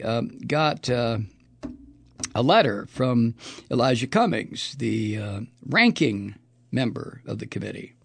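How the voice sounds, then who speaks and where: A man's voice: medium pitch, gravelly, no room sound. A man hosting a political talk show, reading news items and mocking them with sardonic, profane commentary and frequent laughter.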